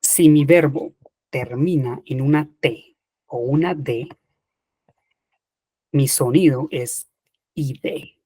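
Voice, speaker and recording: Slow, patient man teaching English online. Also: medium pitch, warm tone, breathy edge, no room sound. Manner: patient, methodical, checks in with "ok". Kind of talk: online class explanation. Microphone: computer mic in online seminar.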